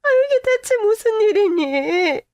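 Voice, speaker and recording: A woman's voice: extremely high pitch, sing-song, slow pace, a little mellow, no echo, voice pushed up, full character voice. A woman voicing a distraught middle-aged mother who bursts out in protective, tearful indignation, in a dramatized story reading. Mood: indignant. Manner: exclaiming, tearful outbursts.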